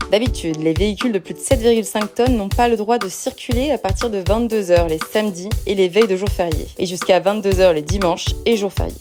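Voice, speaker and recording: A woman reads the news from a script in a smooth, even, mid-pitched voice. Her words are heard over clearly audible background music, like a podcast news bulletin. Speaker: news presenter.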